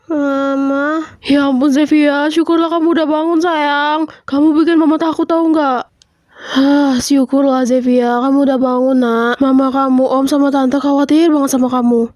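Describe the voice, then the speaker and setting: A woman voicing a worried, doting mother in an animated fan drama, fussing over her child with relieved endearments. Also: sits high, moderate pace, no room sound, clean studio sound, lightly acted.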